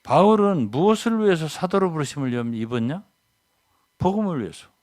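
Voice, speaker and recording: An older man preaching a sermon as a pastor, emphatic, often checking in with the congregation with a quick question. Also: expressive. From South Korea. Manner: emphatic, keeps asking "예?" to the congregation; swings between loud stresses and low asides.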